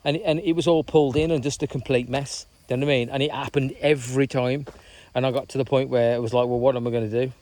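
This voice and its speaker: A man's voice: mid-range voice, fairly even intonation, fast, a little mellow. A man chatting in a rambling, casual way on a walking vlog outdoors by a reservoir. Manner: rambling, chatty, full of "you know what I mean". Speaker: vlogger.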